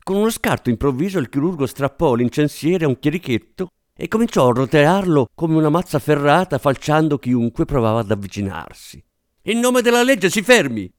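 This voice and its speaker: A man narrates a novel with a lively, dramatic delivery that rises and falls freely. The recording is dry and close to the mic. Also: on the high side, fairly quick, hardly any pauses, no room sound. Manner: expressive, dramatic, does character voices.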